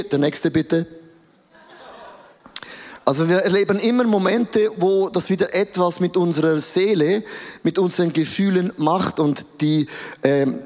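A man preaching an animated sermon in a church hall, his voice pitched high. He slows down and stretches key words for emphasis and acts out the voices he quotes. A long reverb trails after each phrase.

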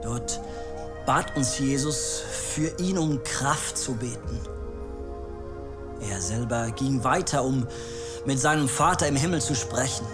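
A man's voice: medium pitch, lightly acted. A man playing remorseful disciple James over music. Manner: slow, earnest storytelling. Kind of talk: staged dramatic monologue.

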